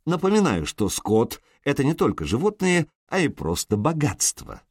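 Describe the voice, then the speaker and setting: Male audiobook narrator, animated delivery, dry close mic. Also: mid-range voice, moderate pace, husky, no room sound. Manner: lively, expressive storytelling.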